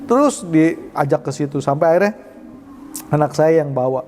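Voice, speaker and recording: A man telling his testimony in a lively, animated chat, acting out quoted voices. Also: moderate pace, slight background noise. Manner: lively, acts out quoted voices with raised pitch. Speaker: guest sharing testimony.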